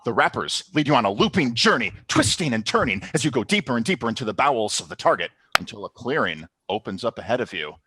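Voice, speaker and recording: A man running a tabletop game as game master over a video call, narrating with lively storytelling and calling for checks. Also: medium pitch, quick pace, hardly any pauses, slightly rough. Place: home.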